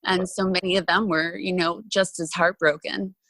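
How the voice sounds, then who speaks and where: A woman's voice: lowish voice, little pitch movement, moderate pace, sharp tone, dry recording. A woman, an actress and former reporter, talking openly as a podcast guest, with lots of "um" and "you know.". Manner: chatty and open, with frequent fillers. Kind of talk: casual interview conversation.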